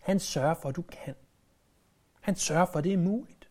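A preacher delivering a sermon in a lively way, often hesitating and repeating words, and acting out quoted speech with sudden jumps in pitch. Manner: frequent hesitation fillers and word repeats.

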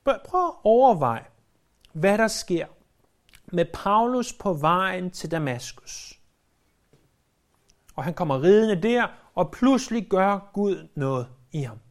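A preacher delivering a sermon in a lively way, often hesitating and repeating words, and acting out quoted speech with sudden jumps in pitch. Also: long pauses. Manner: frequent hesitation fillers and word repeats.

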